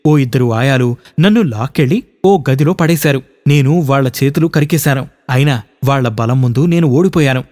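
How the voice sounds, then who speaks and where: A troubled young husband in a radio storybook, haunted by an old loss, as a man reads him. He speaks in a subdued, earnest way, in a medium-pitched voice. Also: moderate pace, a little mellow, close to an everyday voice. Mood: grieving.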